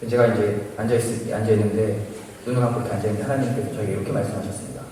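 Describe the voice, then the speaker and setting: A man's voice: lowish voice, racing, a little hiss or hum. A young man, an apprentice missionary, giving a church testimony and acting out the voices of the people in his story. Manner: animated storytelling, acting out quoted speech. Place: large church sanctuary. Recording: echoey church hall from far off.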